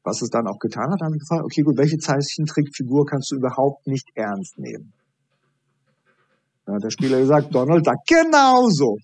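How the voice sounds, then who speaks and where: Male coach guest, husky voice, animated storyteller, dry close recording. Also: medium pitch, brisk, dry recording. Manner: animated storytelling, acting out dialogue. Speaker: high performance coach. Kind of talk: podcast interview guest.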